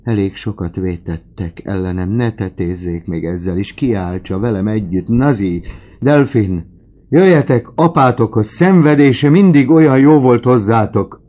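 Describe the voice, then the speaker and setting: A man voicing a dying old father in an audiobook, swinging between desperate shouts and faint whispers. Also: rumbling low, fairly even intonation, long pauses, highs cut off. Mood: desperate pleading. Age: older. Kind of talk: audiobook character reading.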